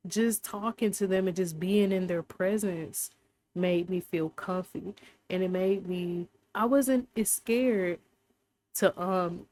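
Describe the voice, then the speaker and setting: A woman's voice: lowish voice, a little mellow, slight background noise. A young woman hosting a casual faith talk, rambling and heartfelt, with many fillers. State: briefly emotional. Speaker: podcast host.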